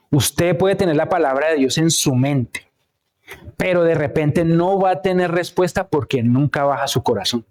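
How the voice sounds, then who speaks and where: Conversational preacher, man, a bit high. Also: darkish tone. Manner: conversational, tells anecdotes, checks in with "¿sí?". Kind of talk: sermon with personal stories. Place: church.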